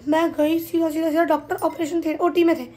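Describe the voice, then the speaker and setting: A woman's voice: extremely high pitch, fairly quick. A woman vlogger in a home kitchen, telling a family story casually and acting out what people said. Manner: animated, retells events with quoted dialogue.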